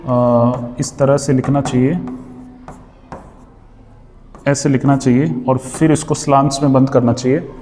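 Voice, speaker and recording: Male teacher, Indian accent, patient drill style repeating words, mellow tone, reverberant room. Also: mid-range voice, steady tone, slight background noise. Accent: Indian English. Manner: repeats each word slowly several times; mixes Hindi and English. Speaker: English teacher. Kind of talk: pronunciation lesson.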